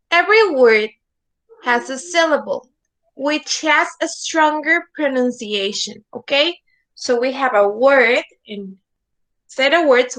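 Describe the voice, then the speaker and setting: A woman teaches English online in a high, somewhat bright voice, captured on a rough recording. Patient and repetitive, she repeats words and keeps checking in with "okay?"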